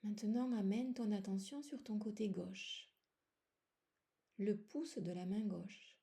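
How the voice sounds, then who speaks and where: In a soft, creaky, mid-range voice, a yoga nidra guide talks listeners through relaxation with a steady tone. Her pace is slow and soothing, her phrases short, her pauses long, and now and then she almost whispers.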